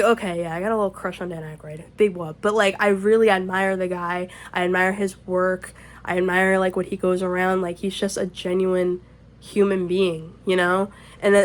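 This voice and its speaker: A woman vlogging at home in casual chat, rambling and excitable, swearing freely, sometimes dropping to a shaky whisper. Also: mid-range voice. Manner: whispering to keep quiet. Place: home, indoors.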